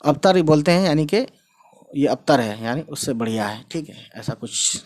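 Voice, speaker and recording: A man teaching a casual online language lesson, drawing out words slowly and often checking in with his listeners. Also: a little high, animated, darkish tone. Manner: repeats words slowly, drawn out for pronunciation; chatty, checks in with "right?" and "guys". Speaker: Urdu teacher.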